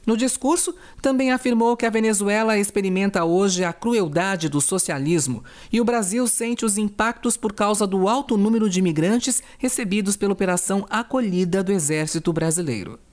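A woman news correspondent narrating a scripted report in a steady, even delivery. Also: medium pitch, moderate pace, few pauses.

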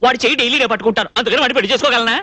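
A man's voice: very high-pitched, bright, forceful tone, no room sound, heavily acted. An actor playing a fussy, naive young male cook who scolds and rambles, in a dubbed film comedy. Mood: scolding. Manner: scolding, rambling, quick outbursts.

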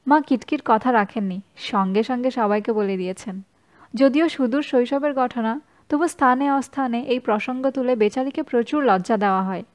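Woman narrating an audiobook, slightly high. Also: normal speed. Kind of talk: scripted narration.

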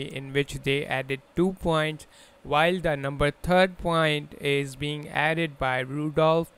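A man's voice: fairly high pitch, a bit bright, smooth. A man giving an explanatory lesson as a lecturer, restating points in simple terms. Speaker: biology lecturer. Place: voice-over recorded over slides.

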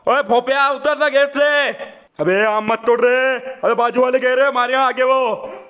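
A man's voice: very high-pitched, steady tone, normal speed, fairly bright tone, clear, resonant tone, muffled recording. A man voicing a cocky, chatty male monkey henchman in a fan machinima drama, with Mumbai street slang. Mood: bossy. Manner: swaggering street-tough banter.

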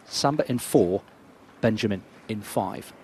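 A man giving live play-by-play commentary on an athletics race, introducing the runners, then rising to excited shouts during the race. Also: fairly low pitch, unhurried, a little hiss or hum.

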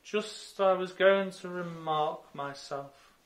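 A man voicing a sleepy little male dormouse in a storybook reading, slow and drowsy. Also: sits high, voice pushed up.

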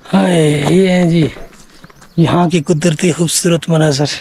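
Guy vlogging a mountain hike outside, high voice but mellow, showing off the views to his viewers. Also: fairly even intonation, unhurried, vocal fry, slight background noise. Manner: points out the scenery to viewers as he climbs. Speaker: travel vlogger. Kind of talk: casual commentary while hiking. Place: outdoors on a mountain trail.

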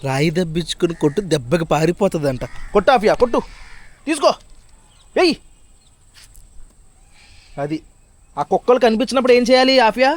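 A man's voice: sits high, animated, brisk, pauses often, slight background noise. Playful man vlogging outdoors. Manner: playful teasing, chatting with a small child. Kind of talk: casual daily vlog chatter. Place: outdoors in a village, by water and fields.

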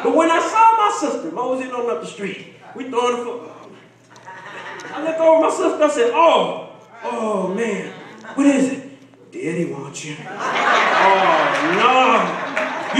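A man preaching in a church, telling folksy stories with laughter and rising shouts. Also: very high voice, big pitch swings, moderate pace. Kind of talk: storytelling sermon. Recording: echoey hall from far, crowd.

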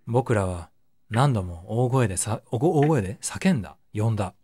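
A man's voice: lowish voice, a little mellow, husky, no room sound. A man streaming, narrating a horror game dramatically and breaking off for joking asides.

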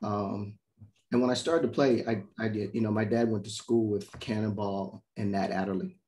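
Middle-aged man, from Miami, animated storyteller, video call audio. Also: lowish voice, moderate pace. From Miami, Florida. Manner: animated storyteller, acts out quoted voices. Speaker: trumpet player and composer. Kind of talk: casual conversation, storytelling. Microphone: video call mic.

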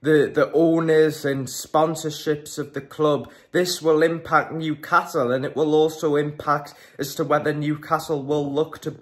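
Chatty teenage guy with a slightly high voice. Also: little pitch movement, measured pace, few pauses. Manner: chatty, opinionated, frequent ums and restarts. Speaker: football vlogger. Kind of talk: casual vlog to camera. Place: small room at home, indoors.

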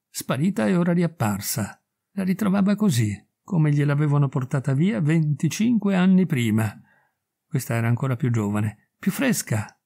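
A man reading a classic short story aloud in measured, expressive narration. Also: on the high side, creaky. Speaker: audiobook reader. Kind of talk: scripted literary narration.

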